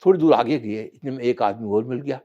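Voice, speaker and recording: A man telling a folk parable in casual, animated storytelling talk. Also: mid-range voice, fairly quick, muffled recording. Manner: animated folk-tale narration. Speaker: vlogger.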